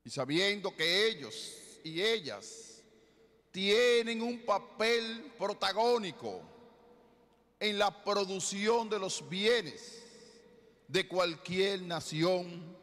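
Middle-aged male bishop, high bright voice, measured sermon in a long-reverb church. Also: animated. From Dominican Republic. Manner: slow, deliberate preaching with rhetorical questions. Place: large basilica with congregation. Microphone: ambo microphone, far camera.

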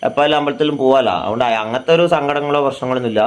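A man's voice: mid-range voice, racing. A man, chatting casually to viewers at home as a family vlogger and asking teasing questions. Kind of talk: casual vlog chat. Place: at home indoors.

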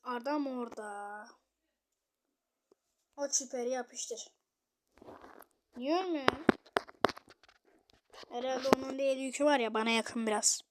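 A young woman casually commenting on her gameplay, muttering to herself and then shouting at opponents. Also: high-pitched, measured pace, long pauses, background noise. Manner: chatty, swings between muttering and loud outbursts at opponents. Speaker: gamer streamer.

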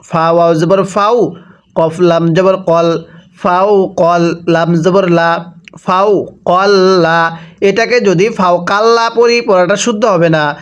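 A man with a Bangladeshi Bengali accent teaching Quran reading, spelling out each syllable and then chanting the joined words slowly. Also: high-pitched, steady tone, dull audio. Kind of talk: slow spelled-out recitation lesson.

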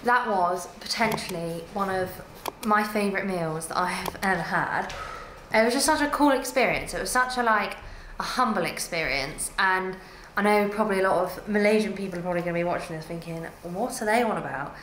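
A woman's voice: mid-range voice, fairly quick, fairly bright tone, echoey room, slight background noise, poor audio. A young British woman from the UK, chatting enthusiastically through a travel vlog with lots of "like" fillers. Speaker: travel vlogger. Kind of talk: casual travel vlog chat.

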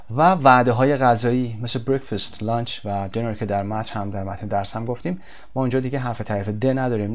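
A man teaching a recorded language lesson. He explains in quick bursts, pauses on fillers, and reads his example sentences slowly and carefully. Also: medium pitch. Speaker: English teacher.

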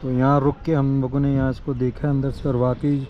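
A man, narrating a travel vlog with measured, admiring commentary. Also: medium pitch, flat delivery, highs cut off, noisy background. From Pakistan. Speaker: travel vlogger.

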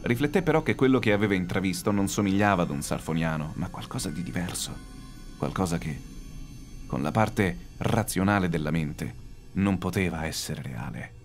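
A man's voice: low-pitched, moderate pace. A man narrating a horror audiobook in a dramatic, suspenseful way. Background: faint background music.

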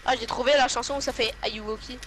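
Laid-back teasing gamer on a noisy mic. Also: male voice, very high-pitched, steady tone, fast talker. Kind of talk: casual gaming chat.

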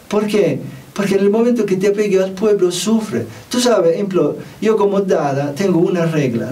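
A man from Europe, a spiritual teacher, giving an unhurried, conversational talk and putting questions to the listener. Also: fairly high pitch, warm tone. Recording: voice distant from the mic.

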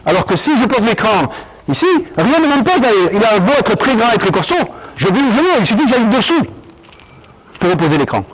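Animated man coaching on court. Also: high-pitched, fairly quick, breathy edge, rough recording. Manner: animated, commanding, calls out drills. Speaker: basketball coach. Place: indoor gym.

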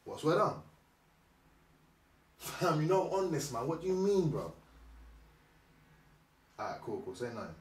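An actor playing an angry young street hustler, heated and swearing on the phone. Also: male voice, a little high, very animated, a little slow, long pauses, roomy sound. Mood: scheming. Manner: heated, swearing, slang-heavy.

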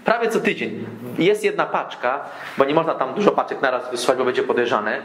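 A man's voice: mid-range voice, lively intonation, a little fast, fairly bright tone, a little hiss or hum. A man giving a sermon as a guest preacher, telling stories and speaking straight to the congregation. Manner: storytelling, addresses the congregation directly. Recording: echoey hall with faint ambience.

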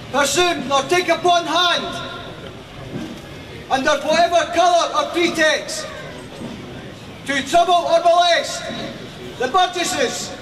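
Scottish man crying proclamations like a royal herald. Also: very high voice. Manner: loud, drawn-out, declamatory crying. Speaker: town crier. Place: outdoors in a town street. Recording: noisy outdoor street with crowd.

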